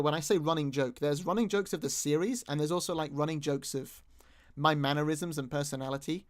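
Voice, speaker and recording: British man, casual rewatch commentary, self-mocking, rambling, higher-pitched voice. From Britain. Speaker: YouTube creator.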